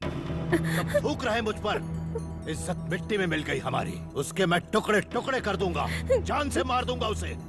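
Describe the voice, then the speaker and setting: A man's voice: sits high, lively intonation, moderate pace, over music. A man voicing a furious, proud middle-aged father in a dubbed film, fuming and making harsh threats. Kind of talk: Hindi film dubbing.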